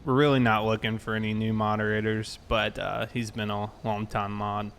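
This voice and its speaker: Reading chat and thinking out loud, a streamer hosts a relaxed game livestream and talks informally with viewers. His creaky, fairly bright voice is on the low side with little pitch movement, at normal speed. A little hiss or hum sits under the audio.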